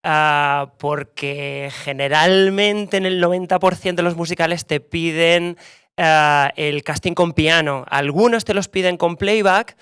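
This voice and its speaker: A man's voice: a little high, unhurried, fairly bright tone, smooth, no room sound, studio quality. A man, a musical theatre actor, giving practical casting advice to students in a casual way. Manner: practical, casual, with tag questions. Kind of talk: panel talk to students.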